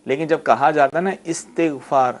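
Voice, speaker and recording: A man serving as the mufti on a religious TV call-in show, who explains rulings patiently and slowly spells out the correct pronunciation. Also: medium pitch, steady tone. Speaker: mufti answering callers' religious questions.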